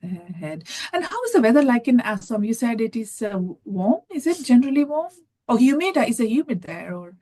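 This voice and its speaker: A woman's voice: fairly high pitch, big pitch swings, a little fast, mellow. A woman, Malayalam speaker, chatting casually over a video call, hesitant with many fillers and restarts. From Kerala, India. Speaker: conversation partner. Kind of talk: casual chat.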